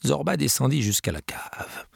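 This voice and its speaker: Man reading a storybook with gravelly warmth. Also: medium pitch, normal speed, no echo, clean studio sound. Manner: expressive, lively storytelling. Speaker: narrator.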